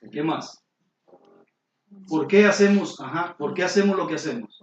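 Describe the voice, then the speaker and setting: A middle-aged man, preaching a sermon as pastor with lively storytelling and questions to the congregation. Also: fairly high pitch, moderate pace, a little hiss or hum. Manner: animated storytelling, sudden exclamations, rhetorical questions to the congregation. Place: church sanctuary. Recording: roomy hall, distant mic, dull and lo-fi.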